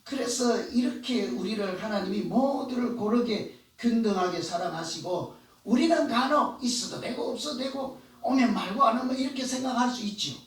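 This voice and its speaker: A pastor preaches a sermon in a church sanctuary, speaking conversationally and putting questions to the congregation. His voice is extremely high with lively intonation and a moderate pace. The audio is echoey, with him sounding far off in the hall.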